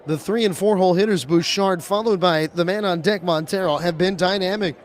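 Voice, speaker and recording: High-voiced baseball radio announcer, man. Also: brisk. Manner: excited calls on big pitches. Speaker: play-by-play announcer.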